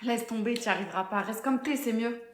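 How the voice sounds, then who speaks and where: A woman's voice: a little high, a little fast, echoey room, close to an everyday voice. A woman's text-to-speech voice playing a blunt, slangy, evasive young boyfriend in a scripted story. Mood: mocking.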